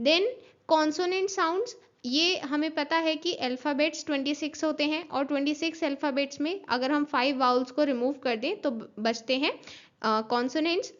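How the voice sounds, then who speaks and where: A woman teacher giving an online class lecture, explaining step by step, spelling out letters and checking that students have understood. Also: sits high. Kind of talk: online class lecture mixing Hindi and English. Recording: dull lo-fi recording.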